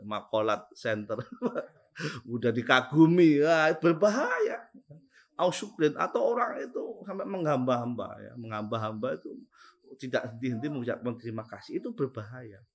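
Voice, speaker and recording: A man with a Javanese accent giving a casual religious study talk to students, animated and often chuckling, stopping to repeat and explain terms. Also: medium pitch. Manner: animated, swings between loud stresses and soft asides, chuckles often. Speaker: Islamic teacher at a boarding school.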